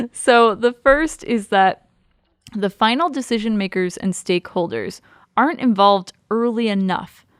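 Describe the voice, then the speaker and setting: A woman's voice: on the high side, takes it slowly, no echo. A woman co-hosting a podcast, chatting in an upbeat, bubbly way. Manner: bubbly, laughs often, upbeat. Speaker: podcast co-host. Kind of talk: casual chat.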